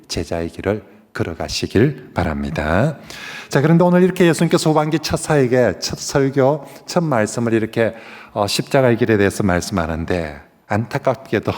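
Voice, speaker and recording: A male senior pastor preaching a Sunday sermon, telling the story vividly and putting questions to the congregation. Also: fairly low pitch. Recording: long reverb of a church sanctuary.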